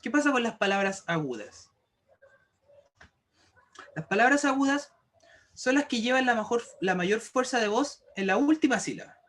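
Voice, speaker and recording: Casting: male teacher, high-pitched voice, patient, repeats rules, online class. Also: animated, normal speed, pauses often, fairly bright tone. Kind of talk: explaining grammar rules to a class. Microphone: computer mic for an online class.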